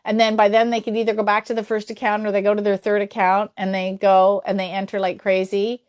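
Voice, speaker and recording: A woman's voice: medium pitch, completely flat delivery, fairly quick, darkish tone, clean tone. A woman hosting a livestream, chatting casually and laughing easily. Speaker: host of a sweepstakes livestream. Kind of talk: casual chat. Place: livestream video call.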